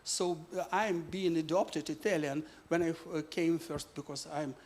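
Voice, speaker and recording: Presenting his physics book in a talk, a man from Ukraine speaks halting, non-native English, often pausing on "uh" while searching for words. His voice sits a little high, with a steady, darkish tone.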